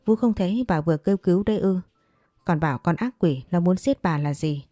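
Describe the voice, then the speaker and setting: A woman doing a quick-tongued servant girl. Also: on the low side, animated, warm tone, no room sound, studio quality, faint music behind, close to an everyday voice. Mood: urgent. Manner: quick, blurting.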